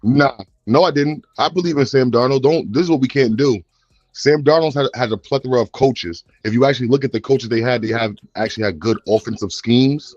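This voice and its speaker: A man's voice: medium pitch, fairly quick, a little mellow, no room sound, highs cut off. A man on a sports panel, arguing his points emphatically and insistently. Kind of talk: casual sports chat.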